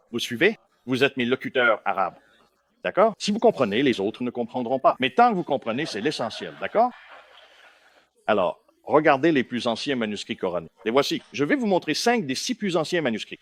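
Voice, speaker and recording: Male lecturer, animated pitch, keeps asking the room if they follow. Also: brisk. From India. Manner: keeps checking in with listeners, questioning and emphatic. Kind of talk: lecture to a live audience.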